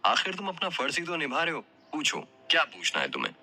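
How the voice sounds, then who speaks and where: A man voicing a kind, generous older mother in an audio story, talking warmly and affectionately. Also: fairly high pitch, huge pitch swings, quick pace, faint music behind, pitched above the performer's own voice, exaggerated voice. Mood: warm, motherly.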